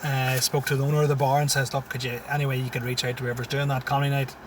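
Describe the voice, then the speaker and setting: Talking at a racing pace in a flat, mid-range voice, a comedian guest in his thirties chats casually in an interview while sitting in a parked car. He was born in Syria and raised in Tyrone, whose accent he has, and he stays laid-back, chuckling often. A phone far from him captures the talk over noisy background.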